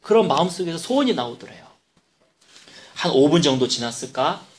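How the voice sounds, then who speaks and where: A man preaching in a church, a pastor telling a story in an animated way with quoted dialogue. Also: a little high, brisk. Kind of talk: sermon storytelling.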